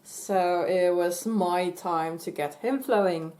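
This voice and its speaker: A woman casually telling a personal story in a halting way, full of fillers and restarts and breaking into giggles. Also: on the low side, dark tone. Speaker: vlogger.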